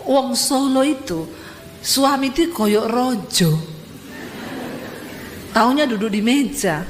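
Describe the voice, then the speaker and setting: A woman pastor from Sulawesi with a Sulawesi accent, preaching a sermon full of lively personal stories and addressing the congregation directly. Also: a little high, takes it slowly. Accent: Sulawesi Indonesian. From Sulawesi, Indonesia. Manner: lively, animated storytelling, addresses congregation as "saudara". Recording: echoey church hall, faint noise.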